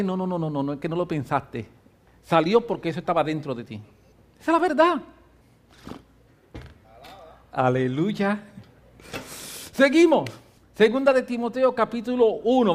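The voice of a middle-aged man sits high as he delivers a fervent, emphatic sermon in his role as pastor, dropping from loud to soft and lingering on slowly stressed words.

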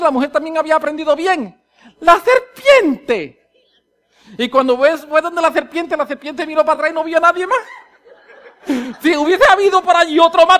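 Preacher, male, high pitch, dramatic sermon that swings between quiet and loud. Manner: swings from hushed, intimate delivery to loud dramatic outbursts; acts out scenes with voices and sound effects.

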